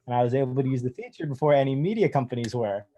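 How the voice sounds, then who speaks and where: Young male guest, warm dark tone, loose storytelling with ums, video call. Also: medium pitch, racing. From United States. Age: young adult. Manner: relaxed storytelling with many fillers. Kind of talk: casual interview.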